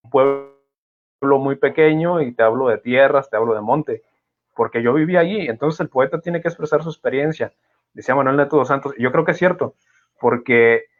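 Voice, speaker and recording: Man, thoughtful host, hesitant restarts, muffled lo-fi sound. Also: mid-range voice. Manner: reflective, many fillers and restarts. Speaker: podcast host. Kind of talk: casual conversation. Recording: dull lo-fi audio.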